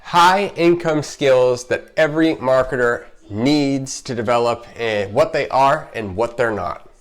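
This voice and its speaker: A marketer hosting an unscripted explainer vlog from his home kitchen talks casually and emphatically, frequently interrupting himself. His voice is medium in pitch and measured in pace, with a slight lisp caused by his retainers.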